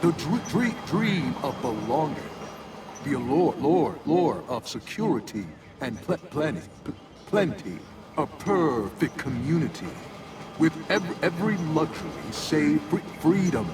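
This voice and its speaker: A controlling male AI program from a video game, stammering and repeating chopped syllables as he glitches. The voice sits fairly high and leaps around in pitch. It sounds far from the mic, buried in loud background noise. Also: big pitch swings, measured pace. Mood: glitching. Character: glitching male AI priority set, greedy, controlling. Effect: glitching, stuttering machine voice.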